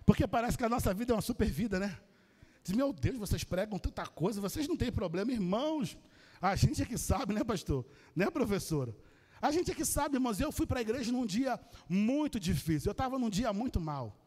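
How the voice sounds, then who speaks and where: Brazilian guy preaching, high voice, big church hall echo, really animated storytelling. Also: brisk. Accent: Brazilian Portuguese. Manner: animated storytelling, addresses the congregation. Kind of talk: sermon.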